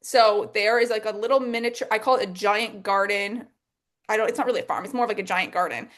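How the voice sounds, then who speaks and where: A woman's voice: mid-range voice, fast talker, fairly bright tone. A woman from Vermont, a guest on a casual video-call interview, talking in a bubbly way with frequent laughs and fillers. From Vermont, United States. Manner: bubbly, laughs often, many likes and ums. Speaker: guest, customer success coach.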